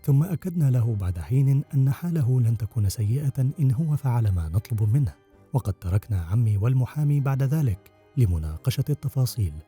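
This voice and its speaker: A man reading a first-person audiobook narration in an expressive storytelling manner. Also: medium pitch, quick pace, breathy edge, faint music behind.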